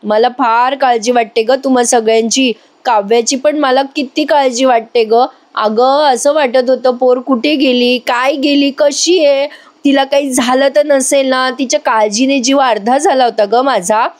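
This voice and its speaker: A woman voicing a stern middle-aged mother-in-law who scolds with sharp questions. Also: sits high, steady tone, a little slow. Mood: worried.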